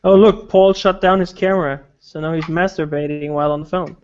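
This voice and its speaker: Man, high voice, crude teasing chat, muffled lo-fi call sound. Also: steady tone, a little fast, darkish tone, clear, resonant tone. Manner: crude, teasing, searching for words. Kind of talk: casual joking chat. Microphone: online group call microphone. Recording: dull, lo-fi call audio.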